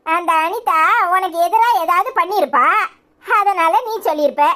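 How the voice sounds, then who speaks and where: Woman doing a busybody neighbour lady, squeaky high, wheedling, tirunelveli accent, cartoon serial. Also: normal speed, sharp tone. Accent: Tirunelveli Tamil. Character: nosy scheming gossip woman, neighbour.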